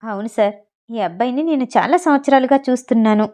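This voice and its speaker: A woman's voice: on the high side, fast talker, warm tone, natural voice. A woman voicing the bride's worried older father, protesting to the police, in a storybook reading. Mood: earnest. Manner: anxious, protesting.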